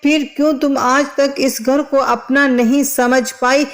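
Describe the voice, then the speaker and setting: A woman's voice: high-pitched, little pitch movement, a little slow, slight background noise. A woman voicing an unhappy young husband in a storybook, read mildly and plainly. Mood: pleading.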